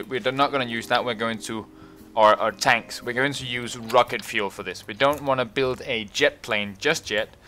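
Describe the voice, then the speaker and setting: A man's voice: medium pitch, pushed and bright. Chatty man narrating his gameplay. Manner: chatty, explains step by step with fillers. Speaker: gaming YouTuber. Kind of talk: casual let's-play commentary.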